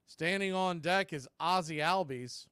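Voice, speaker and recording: With a smooth, steady, measured delivery, a male announcer tracks every pitch while calling a baseball game live. The sound is clean studio audio with no room sound.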